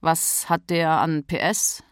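A woman voicing a calm, formal, bearded Santa Claus in a storybook reading, unruffled and matter-of-fact. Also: sits low, takes it slowly, clean tone, no echo, studio quality.

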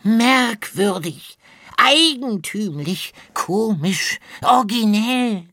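Magpie sidekick, high squeaky chirp, slow and playful; a man puts it on. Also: animated, bright, forceful tone, no room sound, heavily acted. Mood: excited. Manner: squeaky, rhymes and repeats words. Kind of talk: audiobook character voice.

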